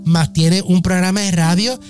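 A man's voice: high voice, fairly even intonation, moderate pace. A Puerto Rican man hosting a comedy radio show, mock-dramatic and gossipy in his banter. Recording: music playing behind the voice. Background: music.

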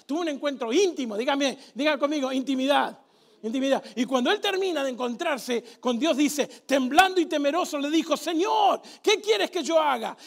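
A man delivers a sermon in a strikingly high voice with a rough, gravelly edge. He preaches with animated sarcasm and gets the congregation to repeat phrases back to him. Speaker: pastor.

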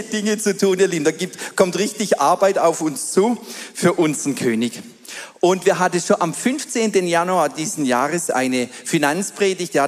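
A middle-aged male pastor delivers a sermon to his congregation. His voice sits a touch high as he spins stories and warmly addresses the room. A long reverb from the church hall trails behind each phrase. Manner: lively storytelling with quoted asides, addresses congregation as "ihr Lieben".

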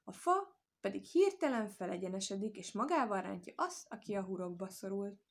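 A woman reading a folk tale aloud as storyteller, calm and measured. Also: medium pitch.

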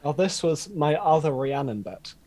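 Teasing male co-host, casual chat, slightly high voice. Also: lively intonation, moderate pace, a little mellow. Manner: teasing, playful banter. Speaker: podcast co-host.

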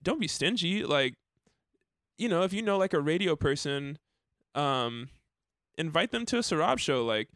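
A man's voice: fairly high pitch, lively intonation, moderate pace, pauses often, a bit bright, no room sound, clean studio sound. A young man, a musician and countertenor, chatting casually and rambling with lots of restarts and laughs. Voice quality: countertenor singer. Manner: rambling, laughs often, many likes and restarts. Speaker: musician and podcast host. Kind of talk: casual chat.

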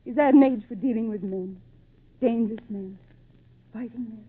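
An actress playing a loving, protective mother, gentle and earnest, in an old-time radio drama. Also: fairly high pitch, moderate pace, breathy edge. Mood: fond, worried. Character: loving, worried mother of a teenage boy. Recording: tinny, narrow-band old radio recording.

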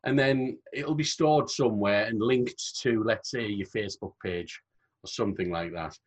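A podcast co-host with a lowish voice chats casually at a normal pace. He jokes, rambles, and laughs often.

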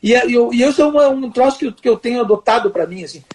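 A man's voice: extremely high pitch, expressive, quick pace, a little mellow, husky. An older man, telling stories in an interview with many restarts and fillers. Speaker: guest. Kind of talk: conversational storytelling interview.

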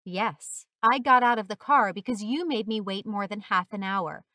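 A woman's voice: mid-range voice, normal speed, sharp tone, dry recording, natural voice. Lady doing a bossy angry male cop, barks orders, dry close mic. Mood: hostile. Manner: barking, bullying. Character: angry male police officer, harsh and commanding.

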